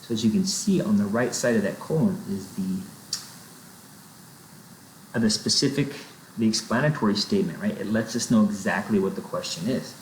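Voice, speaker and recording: A man's voice: lowish voice, normal speed. A man explaining sentence structure in a recorded lecture, checking in with "right?" and "okay?" as he goes. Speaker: writing instructor. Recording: roomy echo, faint noise.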